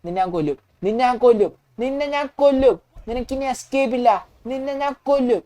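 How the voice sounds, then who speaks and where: An impulsive, excitable young man, played by a woman in a fan game video. He talks in short, repeated bursts and keeps up a casual running commentary. His voice sits at an everyday middle pitch. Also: fast talker, dry recording, natural voice. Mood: angry yelling. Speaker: game video narrator voicing the player character.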